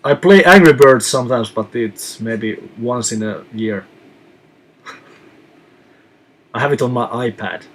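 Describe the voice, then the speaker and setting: A man from Finland who reads out viewer questions and answers them in a relaxed live chat as a touring musician. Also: medium pitch, slow pace, long pauses.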